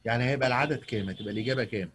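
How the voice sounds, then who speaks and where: A man's voice: mid-range voice, very fast, a bit bright, a little hiss or hum. A man with an Egyptian accent teaching math to a young pupil over a video call, coaxing her with patient questions. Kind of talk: online tutoring lesson.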